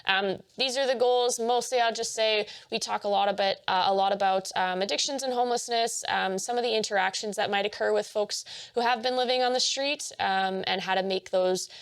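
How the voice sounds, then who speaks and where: A young woman giving a training presentation, talking fast with many fillers and restarts. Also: medium pitch, steady tone, clean tone.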